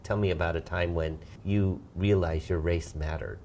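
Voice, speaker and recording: A man's voice: steady tone, moderate pace, a little mellow. A man asking open questions as an interviewer. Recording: background rumble and noise.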